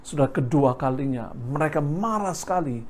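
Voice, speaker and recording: A male pastor preaching a sermon, constantly addressing the congregation and slowing down on key words for emphasis. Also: a little high, expressive, darkish tone, slight background noise.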